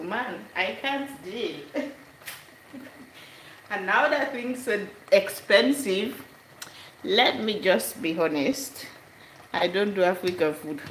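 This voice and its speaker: A woman's voice: mid-range voice, fairly bright tone, reverberant, a little hiss or hum, poor audio. A woman chatting casually while she cooks live in her home kitchen, laughing often and slipping into Italian phrases. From Sierra Leone. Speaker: cooking vlogger. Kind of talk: casual live cook-along chat. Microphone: camera above the stove.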